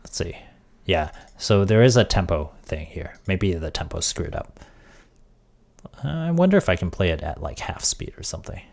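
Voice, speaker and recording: A man streaming casually, thinking aloud as he works on audio software and trailing off into quiet mutters. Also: sits low, sing-song, normal speed, vocal fry. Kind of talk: casual tech livestream.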